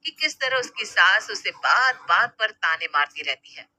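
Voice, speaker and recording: Brief: woman narrator, bright and crisp, steady storytelling, dry booth sound. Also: mid-range voice, normal speed, no room sound.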